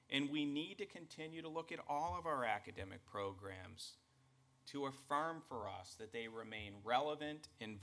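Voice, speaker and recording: A man's voice: mid-range voice, sharp tone. A man with a Boston accent delivering a formal, earnest address to college staff as its president. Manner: measured, emphatic, earnest.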